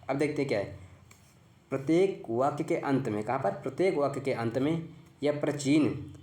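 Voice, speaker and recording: A man teaching a Hindi grammar lesson for exam preparation. He often repeats key points back as questions to the viewer and talks in a halting way, with frequent restarts. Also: mid-range voice, a little mellow. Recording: echoey room.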